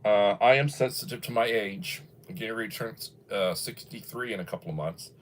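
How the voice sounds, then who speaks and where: This livestream host, a man in his early sixties, talks a little fast in a lowish voice. He reads viewer comments aloud and chats in a casual, rambling, folksy manner.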